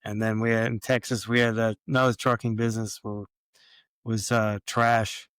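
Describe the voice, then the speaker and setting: A man from Jamaica, a yacht captain, talking as a guest in a relaxed, hesitant way with many fillers. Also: lowish voice, moderate pace, clear, resonant tone, dry recording. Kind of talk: casual interview chat.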